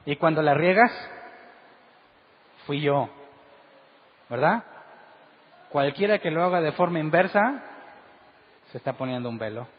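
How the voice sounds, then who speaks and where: A man's voice: on the high side, lively intonation, moderate pace, long pauses. A man preaching a sermon as pastor, asking the congregation one rhetorical question after another. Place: church hall. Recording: dull recording with long hall reverb.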